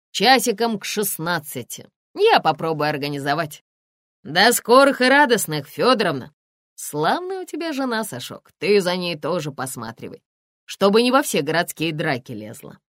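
A sly, jovial police lieutenant colonel, as a woman reads him in an audiobook, teasing in folksy banter. His voice sits low and swings widely, loud and lively. The sound is dry and close. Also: moderate pace, dry recording. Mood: jovial mocking.

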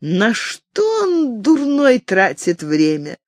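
A jealous young woman speaks in a lazy, flat drawl that turns teasing, as an audiobook reader puts her on. Her pitch still jumps about. The sound is dry and close. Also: takes it slowly, no echo. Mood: scornful. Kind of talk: audiobook character voice.

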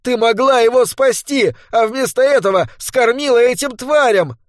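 A man voicing a stubborn young man in an audiobook, shouting accusations in a strained, much higher voice. He is angry and close to tears, heard close and dry. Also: moderate pace, no echo, lightly acted. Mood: accusing.

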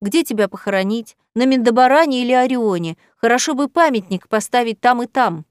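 A woman's voice: on the high side, expressive, brisk, clear, resonant tone, no echo, clean studio sound, close to an everyday voice. Woman reading a teasing, ironic heroine. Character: playful ironic young woman teasing her cat friend. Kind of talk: audiobook character voice.

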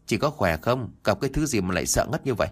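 A man reading the lines of a young male coworker who talks quickly and with concern in a ghost story. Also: lowish voice, sing-song.

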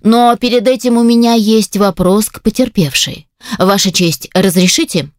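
A woman reads as a tall elf prosecutor in a storybook courtroom, calm and measured, his words slow and even. The voice sits at a middle pitch in a dry, close studio sound. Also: no echo, close to an everyday voice.

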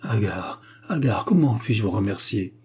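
A man reading an impatient young heir from a storybook. He hurries the others along eagerly. The voice sits high for the reader, mellow and a little husky. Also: expressive, measured pace, heavily acted.

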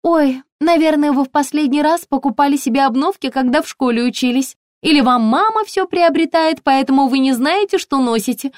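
A woman's voice: high voice, brisk, few pauses, no room sound, studio quality, pitched above the performer's own voice, close to an everyday voice. A woman reading an audiobook, voicing a chirpy, pushy young female shop assistant with a ringing voice. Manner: bright, ringing, relentlessly chatty.

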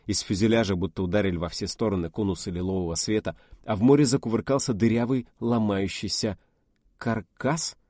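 A man narrating an audiobook in first person with expressive storytelling. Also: on the low side, dry recording, clean studio sound.

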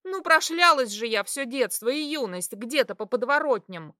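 A woman's voice: animated, moderate pace, no room sound, clean studio sound. A woman playing a defiant young daughter. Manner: high, shouting, tearful defiance.

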